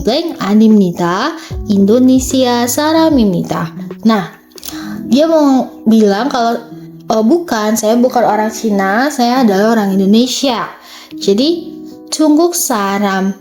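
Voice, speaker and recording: A woman's voice: a little high, warm tone. A woman teaching a language lesson, going through workbook exercises step by step in a chatty way and checking in with "okay" as she goes. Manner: explains step by step, reading Korean sentences slowly; chatty, frequent "oke" and "ya". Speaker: Korean language tutor.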